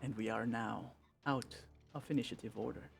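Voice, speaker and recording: A man's voice: medium pitch, fairly even intonation, moderate pace, vocal fry, soft background music. A man narrating a tabletop game as game master, describing the action and laughing along with his players.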